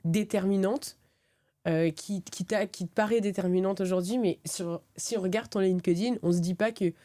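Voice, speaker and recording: A woman's voice: mid-range voice, steady tone, moderate pace, dark tone, dry recording. A woman interviewing a guest in a casual style, listening attentively and giving frequent short acknowledgements.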